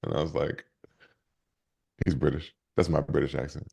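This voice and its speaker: A man's voice: a bass voice, fairly even intonation, fast talker, creaky, mellow, breathy edge. A man who is a leadership coach and speaker, telling stories energetically in an interview with many restarts. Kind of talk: conversational interview storytelling.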